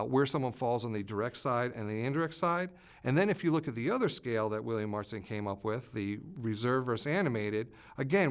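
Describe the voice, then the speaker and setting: A man explaining communication styles as an expert in an interview, pausing often with "uh" fillers. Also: mid-range voice, clean tone.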